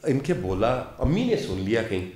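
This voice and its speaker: A man's voice: mid-range voice, crowd noise. A man in his fifties, an actor and lecturer, telling stories as an interview guest and acting out quoted dialogue. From Pakistan. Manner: animated storyteller who acts out quoted dialogue. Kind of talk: casual interview storytelling. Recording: roomy studio echo.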